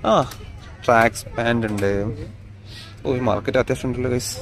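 A man's voice: mid-range voice, fairly even intonation, normal speed. A man walks a busy outdoor street, chatting casually to his viewers as he films on a phone with no external mic. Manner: chatty, addresses viewers as guys. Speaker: vlogger. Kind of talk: casual walking vlog. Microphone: phone camera, no external mic. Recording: phone recording with loud street noise. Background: street traffic and passers-by.

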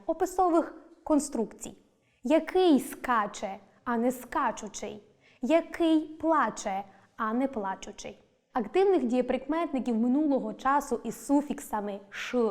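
A woman teacher reading a scripted lesson, clear and deliberate, stressing each example word. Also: a little high, darkish tone.

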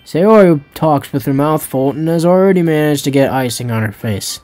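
A man's voice: on the high side, animated, normal speed, darkish tone, soft background music. A man hosting a let's play, reading a visual novel aloud with jokes, swearing and tripping over his words.

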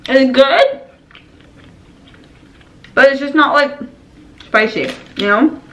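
At home, a young woman mukbang vlogger eats on camera while chatting to viewers, giggling, laughing and saying "like" a lot. Her high voice swings widely in pitch, with drawn-out words and long pauses, and the poor audio carries a little hiss or hum.

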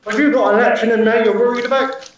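A man's voice: extremely high pitch, fairly even intonation, fast, slight background noise. A man councillor arguing heatedly with the chair at a council meeting, combative and challenging. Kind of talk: heated debate. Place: large echoey council chamber. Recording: distant, echoey, dull room recording.

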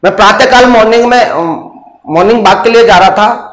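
A man's voice: sits high, fairly quick, fairly bright tone. A male maths teacher lecturing in a classroom and quizzing his students with questions. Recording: roomy echo.

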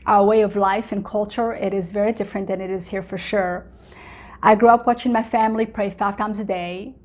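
A woman in her forties, Moroccan-born with Arabic as her first language, talks earnestly into a camera at home. She speaks in a chatty, personal testimony style, full of little fillers and restarts. Her voice sits at an ordinary middle pitch. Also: fairly even intonation, a little fast, a little mellow. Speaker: host. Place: home living room.

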